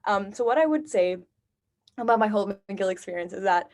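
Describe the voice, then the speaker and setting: Young woman from Lebanon, a student. Upbeat and chatty, mid-pitched, speaking over a video call. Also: lively intonation, a little fast, a little mellow. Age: young adult. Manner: chatty and upbeat, many fillers. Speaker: university student. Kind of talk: casual talk on a video call.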